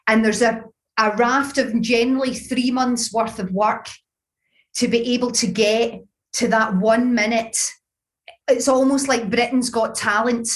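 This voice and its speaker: A woman's voice: a little high, fairly even intonation, a little slow. A woman with a Glaswegian accent giving conversational interview answers, explaining her points with examples. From Scotland. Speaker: business founder, interview guest.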